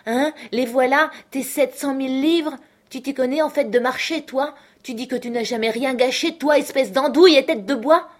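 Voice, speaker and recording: A woman reader puts on a mutinous male pirate in full cry, high-pitched and loud with rage. He jeers and bellows at his captain from start to finish. The storybook telling keeps him hot-tempered throughout. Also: normal speed. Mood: furious jeering. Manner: shouting, jeering.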